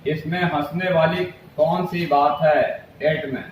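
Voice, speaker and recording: Man teaching English slowly, echoey room. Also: a little high, steady tone. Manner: repeats sentences slowly, switching between Hindi and English. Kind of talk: spoken English lesson. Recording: echoey room with faint noise.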